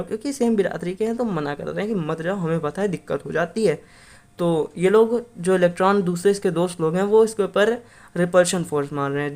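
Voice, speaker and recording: A woman's voice: lowish voice, darkish tone. A woman tutoring for an exam in a casual explanatory lesson, chatty and checking in with listeners, sometimes correcting herself mid-sentence.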